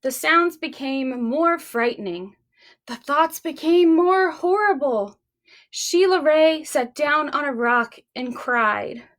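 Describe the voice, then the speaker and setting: Her voice sits high as she reads and talks to young children, hosting storytime at a library with an expressive, deliberate delivery.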